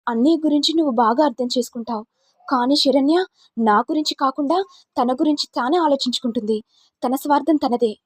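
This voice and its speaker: A woman's voice: sits high, a little fast, no echo, lightly acted. A woman voicing a troubled young brother-in-law in a story, complaining earnestly about his wife.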